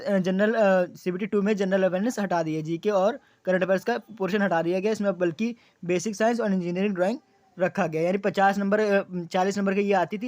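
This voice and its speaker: A man's voice: high-pitched, darkish tone, no echo. A young man explaining exam details to students, repeating key points as questions and answers, with frequent fillers. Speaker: exam coaching YouTuber.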